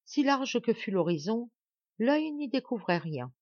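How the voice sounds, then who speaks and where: Female audiobook narrator, calm storytelling, close dry recording, dull lo-fi sound. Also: a little high, unhurried, dry recording. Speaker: audiobook reader. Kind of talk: scripted narration of a classic novel.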